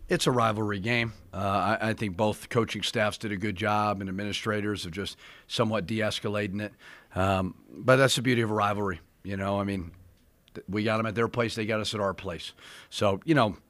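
Middle-aged male coach at a press desk, low voice, close and dry, firm and measured. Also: fairly even intonation, a bit bright, dry recording. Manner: measured, firm, plain-spoken. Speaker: head basketball coach. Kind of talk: postgame press conference answers. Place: press room with sponsor backdrop, indoors. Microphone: desk mic.

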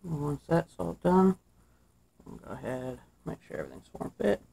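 Recorded on a camera mic at an indoor workshop table, a young DIY maker talks through a wiring task step by step in a casual, relaxed manner, thinking aloud as he goes. His voice is gravelly and fairly high, he speaks at normal speed, and there's slight background noise.

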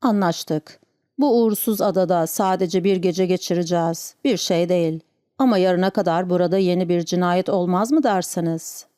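A woman's voice: lowish voice, normal speed, warm tone, clear, resonant tone, no echo, studio quality, natural voice. A woman voicing a frightened, superstitious sailor from an island, speaking in an anxious, stammering way. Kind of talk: audiobook character reading.

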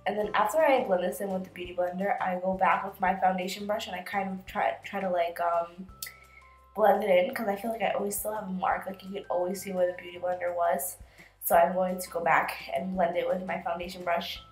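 Her voice low-ish and fairly even, this twenty-something beauty vlogger talks briskly through a makeup tutorial despite a cold. Sitting close to the camera in a small, echoey bedroom with faint background music, she chats, uses many fillers, and explains every step.

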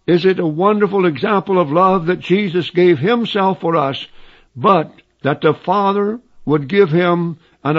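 Man preaching on old radio, slow and emphatic, kinda muffled sound. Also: high-pitched. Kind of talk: radio sermon.

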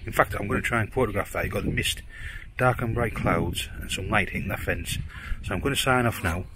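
A man's voice: on the low side, brisk. A middle-aged man with a Teesside accent, chatting casually and a bit out of breath while hiking and filming a photography vlog. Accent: Teesside English. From Teesside, England. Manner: chatty, self-deprecating, rambling asides. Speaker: photographer vlogger. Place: outdoors on a windy highland lochside trail. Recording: wind noise outdoors.

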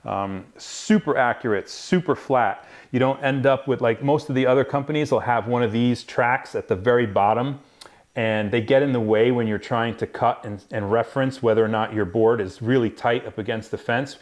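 A man in his forties shows off his garage woodworking shop in a relaxed, unscripted way. His voice sits at an ordinary middle pitch, and he rambles, restarts and fills pauses with ums. He sounds close to a small mic while he moves around the garage. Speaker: woodworking channel host. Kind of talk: casual shop tour. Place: two-car garage workshop.

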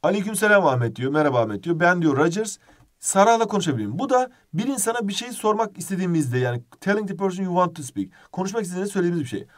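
Lively quick-talking male teacher. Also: high-pitched. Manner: lively, joking, mixes Turkish and English. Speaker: English teacher. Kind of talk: live exam-prep lesson.

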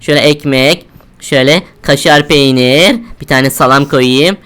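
A woman's voice: very deep voice, normal speed, a bit bright, clean tone. A young woman giving jumpy, exclaiming commentary on a horror game, talking to herself as she plays. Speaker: game streamer.

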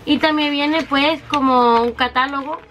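Mujer española charlatana, voz aguda. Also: female voice, sits high, steady tone, unhurried, fairly bright tone, soft background music. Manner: chatty, fond of diminutives, shows each item. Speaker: beauty vlogger. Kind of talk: makeup haul video.

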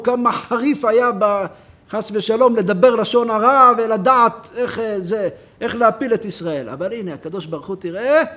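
A rabbi with a very high, bright voice gives a Torah lesson in a synagogue. He tells stories with lively energy and acts out the people in them. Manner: animated storyteller, acts out characters. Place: synagogue hall.

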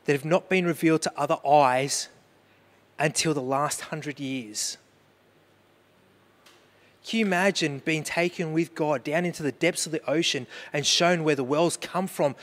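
A man's voice: a little high, a little slow. A man preaching a sermon as pastor, earnest, mixing questions to the congregation with personal storytelling about grief.

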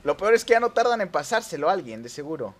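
Excitable Mexican gamer, high voice. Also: male voice, fast. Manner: excitable, yelps and shouts at near misses. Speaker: gaming YouTuber. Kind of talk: live gameplay commentary.

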